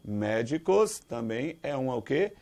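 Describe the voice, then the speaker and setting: Brazilian male teacher with a gravelly, creaky voice, quizzing students as he explains. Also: mid-range voice, unhurried. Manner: lively, quizzes listeners with rhetorical questions; calls students "dear". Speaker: Portuguese teacher. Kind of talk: exam-prep grammar lesson.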